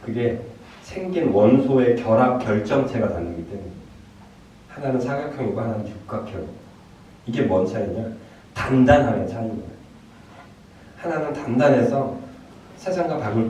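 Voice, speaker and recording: A man preaching a Sunday sermon as pastor, telling stories lively and acting out the people he quotes. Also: lowish voice, moderate pace, slight background noise. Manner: animated storytelling, acting out quoted voices. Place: church sanctuary. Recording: distant, roomy and dull church recording.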